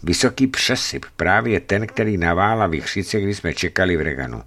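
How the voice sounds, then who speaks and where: A man with a deep, low voice reads his travel memoir like an audiobook. His delivery is tense and measured, building suspense. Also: lively intonation, fairly bright tone. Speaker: narrator of his own desert journey.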